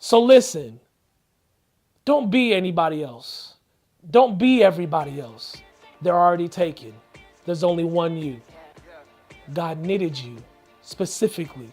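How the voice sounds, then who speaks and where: A man's voice: fairly high pitch, expressive, a little slow, long pauses, a little mellow, soft background music. A man hosting an inspirational video, telling a story and then urging listeners, in an earnest, preacher-like way. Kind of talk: motivational storytelling talk.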